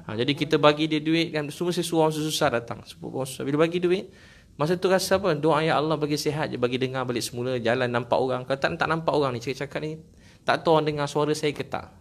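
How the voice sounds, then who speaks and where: A man's voice: a little high, quick pace. A man with a Malaysian Malay accent preaching to a gathering, telling stories with jokes and acted quotes. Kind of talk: religious talk to a gathering.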